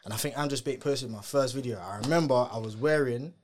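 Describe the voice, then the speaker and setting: A man's voice: medium pitch, quick pace, slight background noise. A young adult man with a London roadman accent and heavy street slang, telling stories in a casual chat. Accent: London, urban roadman slang style. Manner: slangy roadman delivery with frequent "innit", "bro" and "fam". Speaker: guest, dancer.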